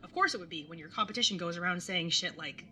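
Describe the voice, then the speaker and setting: With a lowish voice that's fast, pushed, and bright, a woman plays a wry, jaded young artist bartender in an audio drama. She handles first-person narration and dialogue as a sardonic, casually sweary older sibling, with slight background noise.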